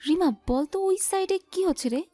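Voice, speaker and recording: Acting in a Bengali audio story, a woman voices the young best friend, a cheeky, whiny character who complains in playful, overblown ways. Her very high voice has a dark tone at normal speed, and the dry recording has music playing behind it.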